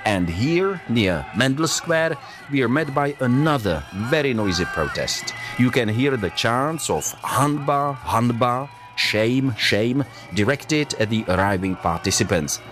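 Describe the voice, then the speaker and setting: Lively male news reporter narration. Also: mid-range voice, faint music behind. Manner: measured, reportorial.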